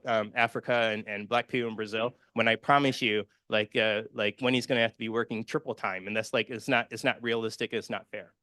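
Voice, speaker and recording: Male conference speaker, earnest and personal, bright tone, dry close sound. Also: medium pitch, dry recording. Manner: earnest and personal, many fillers and restarts. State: emotional, near tears. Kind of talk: conference presentation with slides.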